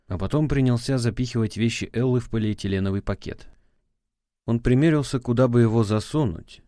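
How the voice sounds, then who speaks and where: A man reading an audiobook in a measured, dramatic narration style. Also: medium pitch, a little mellow, no echo, clean studio sound. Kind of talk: scripted narration.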